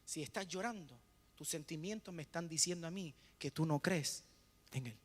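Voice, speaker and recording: Male pastor with a high, bright, forceful voice, preaching in call-and-response style and moving between hushes and loud bursts, in a long-echoing hall. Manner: preaching with rhetorical questions and call-and-response pauses. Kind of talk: sermon.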